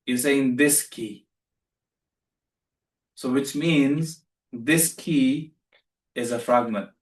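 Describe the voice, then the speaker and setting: A man's voice: medium pitch, extremely slow, echoey room, far from the mic. A man teaching beginner Arabic in a live online class, patient and repeating himself as he corrects students.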